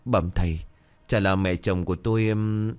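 Shy older village widow, voiced by a man, hesitant, deferential, low voice. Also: expressive, moderate pace, a little mellow, natural voice.

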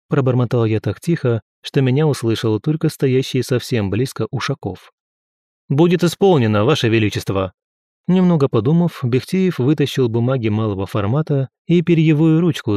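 A man's voice: mid-range voice, warm tone, dry recording, clean studio sound. A man narrating an audiobook in the first person, reading steadily and lightly voicing the dialogue.

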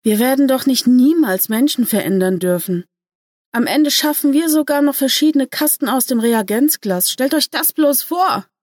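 A woman's voice: mid-range voice, measured pace, a little mellow, breathy edge, no room sound, clean studio sound. A woman reading a story aloud, voicing a sarcastic, moralizing young man who gets worked up easily. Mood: indignant.

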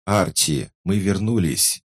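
A man's voice: low-pitched, takes it slowly, slightly rough, no echo, studio quality, pitched above the performer's own voice, exaggerated voice. A man voicing an anxious young woman companion with urgent, alarmed exclamations in an audiobook. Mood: reassuring. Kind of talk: audiobook character voice.

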